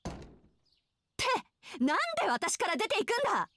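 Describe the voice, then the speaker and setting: An actress voicing a proud, sharp-tongued young woman in an anime-style visual novel, curt and scolding. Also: very high-pitched, sing-song, quick pace, slight background noise, exaggerated voice. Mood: indignant. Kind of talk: anime game voice acting.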